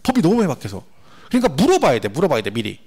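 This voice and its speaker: A man lecturing a class on tax law for an exam, animated and repetitive, asking the students rhetorical questions. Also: fairly high pitch, racing, slightly rough.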